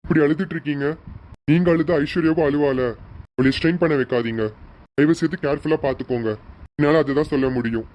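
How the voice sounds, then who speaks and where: An actor as a calm, advising doctor. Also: male voice, on the high side, fast, highs cut off, natural voice. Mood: gently scolding. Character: calm professional male doctor. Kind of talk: TV serial acting.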